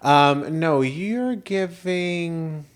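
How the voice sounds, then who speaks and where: A man's voice: fairly high pitch, extremely slow, clear, resonant tone. A man from New Jersey, co-hosting a podcast and telling stories in casual comedic chat, laughing often. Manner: animated storyteller, laughs often. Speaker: podcast co-host.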